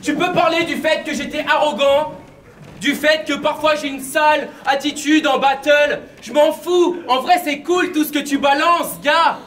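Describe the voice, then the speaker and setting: A man's voice: very high voice, steady tone, unhurried, fairly bright tone. A man performing a cappella battle rap at a live event, delivering brash, mocking punchlines. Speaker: battle rapper. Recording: echoey venue, distant mic, crowd noise. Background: crowd reactions and laughter.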